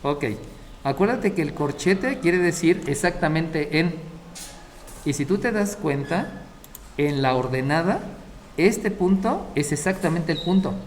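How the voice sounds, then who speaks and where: A math teacher with a fairly high voice lectures in an animated but unhurried way, with a little hiss or hum audible. He lays out each step and often checks the class with short questions.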